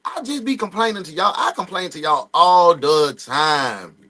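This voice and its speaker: A man hosting a casual reaction commentary, animated and slangy with laughing asides. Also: on the high side, unhurried. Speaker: host.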